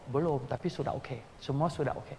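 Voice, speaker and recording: A man's voice: medium pitch, normal speed, warm tone, in a large hall, slight background noise, close to an everyday voice. A pastor voicing an older male neighbor in a sermon story, giving casual, matter-of-fact replies. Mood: easygoing.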